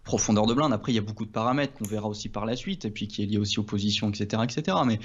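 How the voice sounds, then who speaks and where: A man walking through poker ideas in a relaxed lesson. He talks hesitantly and keeps restarting his phrases. The sound is a little dull and muffled. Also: fairly low pitch, rapid-fire, breathy edge. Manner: hesitant, many restarts and fillers. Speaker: poker coach. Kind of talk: casual two-host poker lesson.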